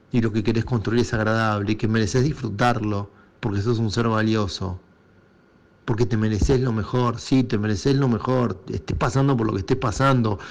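Talking straight to his audience in an encouraging, casual reflective monologue, a man speaks with an Argentine Rioplatense Spanish accent. His voice leans low, gravelly, and a little mellow.

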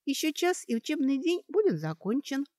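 A shy, hopeful young girl, put on by a woman reading aloud, speaking in a high, pleading voice. She sounds timid. The reading is dry and close. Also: very animated, unhurried, a bit bright, no echo, full character voice.

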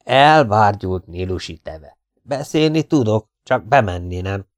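A fat, rude scorpion charmer who scolds and brags in an unhurried, low voice, as a male audiobook reader puts him on. He sounds sly and self-satisfied. The recording is close and dry. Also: lively intonation, no room sound, close to an everyday voice. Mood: bossy. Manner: blunt, scolding, slow and cocky. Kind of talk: audiobook character voice.

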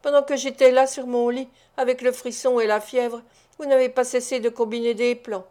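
A woman's voice: a little high, little pitch movement, moderate pace, mellow, lightly acted. Grumbling, menacing invalid thief, bitter and demanding, as a woman reads him in a storybook. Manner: growling, bitter.

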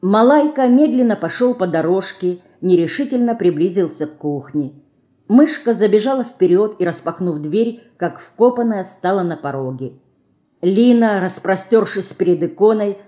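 A woman narrating an audiobook in an expressive storybook reading. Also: medium pitch. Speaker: audiobook reader. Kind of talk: scripted narration.

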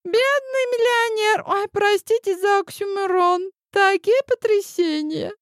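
A woman putting on a cackling astrologer woman, shrill and very high, teasing, audiobook, dry recording. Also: lively intonation, a little slow, a little mellow, no room sound. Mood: mocking. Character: mocking cackling woman astrologer, sharp-tongued.

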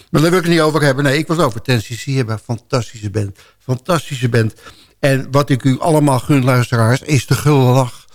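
A man hosting a radio show, chatting loosely and rambling to the listeners. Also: mid-range voice. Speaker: radio host. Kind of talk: casual radio chat.

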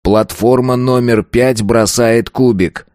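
A man voicing a mechanical announcer that proclaims results in measured statements. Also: mid-range voice, fairly even intonation, a little mellow, no room sound, clean studio sound, voice pushed up, natural voice. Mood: formal. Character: mechanical announcer voice of a tomb game.

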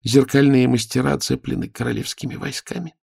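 Man doing a gentle anxious old cook woman, raised pitch, husky. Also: fairly even intonation, brisk. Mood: worried, gentle. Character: kind, worried older woman cook.

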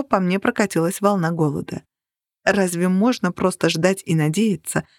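An audiobook narrator reading first-person fiction in a steady, expressive way. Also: mid-range voice, no room sound, studio quality.

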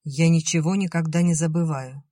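Reader doing headstrong sister, clipped, firm, slow emphatic, dry sound. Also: mid-range voice, fairly even intonation, mellow, no echo, natural voice. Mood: curt. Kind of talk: audiobook character reading.

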